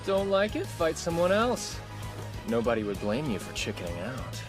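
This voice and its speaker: In an anime dub, a man plays a cocky, blunt teenage boy who is a top-ranked game player, talking casually with a taunting edge. His mid-range voice swings hugely in pitch at a moderate pace, with loud music behind it.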